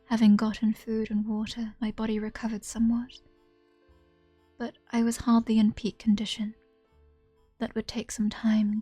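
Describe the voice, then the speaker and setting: Brief: woman streamer, hushed narration, mellow and breathy. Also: medium pitch, no echo. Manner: soft, hushed, often whispered reading. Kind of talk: reading a visual novel's first-person narration.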